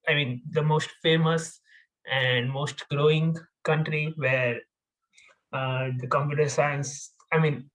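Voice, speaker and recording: A man's voice: medium pitch, fairly bright tone, poor audio. A man in his twenties from India, a podcast guest answering questions casually, with many fillers and restarts. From India, Gujarat. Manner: hesitant, many fillers and restarts, laughs while talking. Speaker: podcast guest, software engineer.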